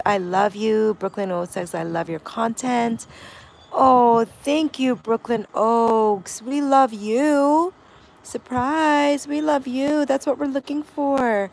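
A woman's voice: a little high, slight background noise. A woman hosting a casual livestream outdoors, reading viewer comments aloud and greeting them one by one. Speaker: livestream host. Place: windy backyard outdoors.

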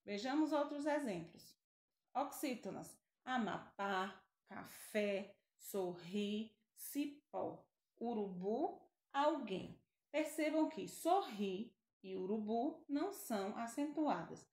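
A Brazilian woman teacher giving a grammar lesson, speaking slowly and stretching out example words, often checking in with the class. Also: a little high, expressive, darkish tone, reverberant. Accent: Brazilian Portuguese.

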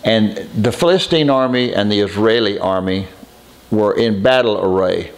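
A man's voice: lowish voice, normal speed, vocal fry. A man hosting a short devotional message, earnest and plain-spoken, repeating his points.

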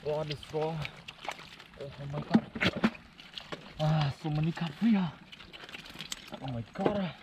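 A man with calls out slow, drawn-out exclamations of amazement while he catches fish in a muddy outdoor marsh. His voice sits a little high, and each word comes out with long gaps. Loud outdoor noise runs behind him on a body-worn camera. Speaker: video creator catching fish.

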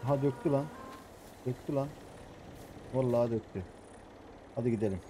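A man with a Samsun accent, an adult with young kids, giving hushed, muttering commentary over a farming game, as his channel's host. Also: mid-range voice, moderate pace, a little hiss or hum. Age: adult with young children. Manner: talks quietly, mutters to himself. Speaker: gaming YouTuber.

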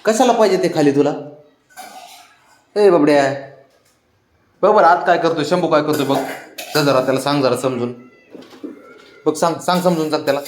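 A man's voice: on the high side, moderate pace, long pauses, a little hiss or hum. A man chatting with his pet cats at home in a coaxing, teasing baby-talk manner. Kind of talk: casual talk to pets. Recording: echoey room.

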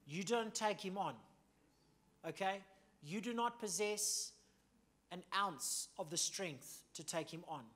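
Delivering a sermon with punch and emphasis, a South African male pastor alternates loud bursts with hushed asides and keeps asking "okay?" and "right?". His voice is very high-pitched.

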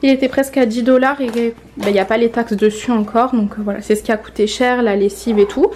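A woman's voice: fairly high pitch, fairly even intonation, fast, darkish tone, slight background noise. A woman in her twenties from France, chatting casually to viewers while showing a grocery haul at home. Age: 20s. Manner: chatty, addresses viewers directly. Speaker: vlogger. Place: indoor home room, off camera.

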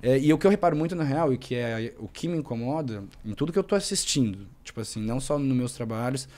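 A young man and actor, chatting casually as a podcast guest in a slangy, rambling, animated way. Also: mid-range voice, fast talker.

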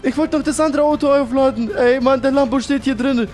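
Excitable young gaming commentator. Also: male voice, very high voice, brisk, faint music behind. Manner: excitable, repeats exclamations. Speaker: gaming YouTuber. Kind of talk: role-play game commentary.

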